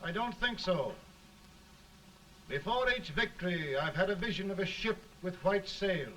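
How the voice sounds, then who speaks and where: A weary, solemn president carrying the weight of a war, his voice grave and measured. It sits a touch high and comes from a distance, like an early talkie film recording. A faint hiss of old film sound runs beneath it. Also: expressive, pushed and bright, exaggerated voice. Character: weary, solemn middle-aged male president in wartime.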